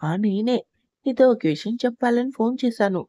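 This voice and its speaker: A woman's voice: on the high side, lively intonation, normal speed, dark tone, no room sound. A woman reading a nervous young wife. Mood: timid. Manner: nervous, grumbling. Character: anxious young wife, timid but tart.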